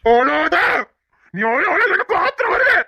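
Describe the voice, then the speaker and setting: A man's voice: high-pitched, very animated, fast talker, bright, forceful tone, slightly rough, no echo, lo-fi sound, heavily acted. A man playing a proud young husband who angrily scolds his crying wife in a web drama. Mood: angry scolding. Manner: harsh, scolding. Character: proud, furious young husband shamed in public.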